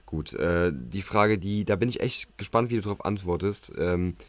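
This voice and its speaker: A young man co-hosting a casual podcast chat, relaxed and asking the questions. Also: deep voice, moderate pace, dry recording. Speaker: podcast co-host.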